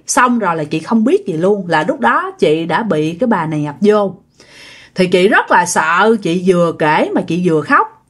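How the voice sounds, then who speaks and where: A woman's voice: medium pitch, a bit bright. A woman with a Southern Vietnamese accent, narrating a ghost story in a chatty way that talks straight to her listeners. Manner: chatty, addresses listeners directly.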